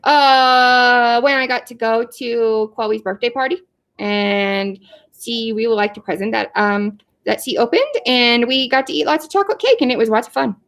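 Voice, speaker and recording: A woman voicing an eager, friendly young boy puppy puppet in a lesson video, speaking in a halting, childlike way. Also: a little high, fairly bright tone. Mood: happy.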